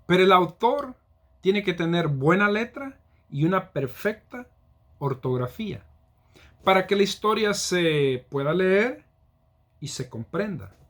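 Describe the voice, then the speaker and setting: A man's voice: high-pitched, expressive, measured pace. A man from El Salvador, explaining things in a casual, teacherly way with examples and frequent hesitations. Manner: teacherly, walks through examples, frequent "eh" fillers. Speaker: local history presenter.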